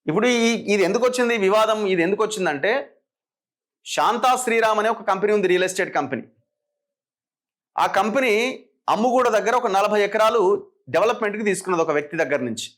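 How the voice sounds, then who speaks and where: A man's voice: sits high, expressive, brisk, pauses often, fairly bright tone. A man with a Telangana Telugu accent giving opinionated political commentary, firing sarcastic rhetorical questions.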